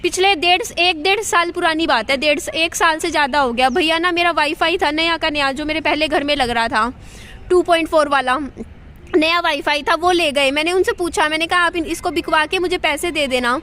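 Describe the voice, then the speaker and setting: A woman's voice: sits high, brisk, bright, forceful tone. A woman talking straight to camera at home in a chatty, venting vlog monologue, repeating herself as she goes. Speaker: vlogger.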